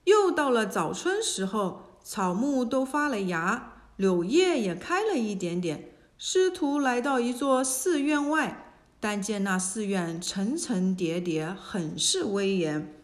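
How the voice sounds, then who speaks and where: A woman telling a classic myth as scripted storybook narration, in an expressive, unhurried manner. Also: mid-range voice.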